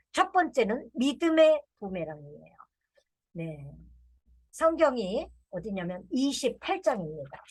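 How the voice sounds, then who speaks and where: A woman preaching a sermon, telling folksy stories with acted-out voices and slowly drawn-out refrains. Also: a little high. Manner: animated storytelling, acts out quoted lines.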